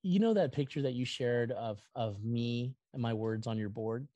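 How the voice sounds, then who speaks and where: A mellow, mid-range male voice at a normal speed comes through on dull audio without echo. The speaker, a middle-aged Californian musician and content creator, is a podcast guest. He talks casually and personally about himself, rambling in an earnest, effusive way.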